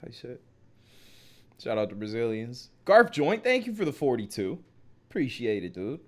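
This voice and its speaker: A laid-back man chats through a live stream while reacting to videos. His voice sits at a middle pitch. He drops joking asides and thanks his viewers in an easygoing way. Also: big pitch swings, normal speed. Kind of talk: casual chat.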